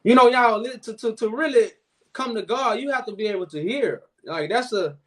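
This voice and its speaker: A man's voice: very high voice, normal speed, fairly bright tone. A man hosting a live chat, preaching and explaining at length, calling the listener "brother man". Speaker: host.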